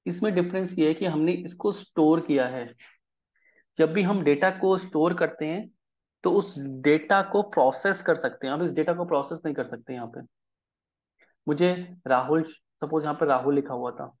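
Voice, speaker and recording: A man's voice: a little high, normal speed, muffled recording. A man teaching a programming lesson in Hindi, explaining step by step and often checking whether the class follows. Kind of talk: live coding lesson.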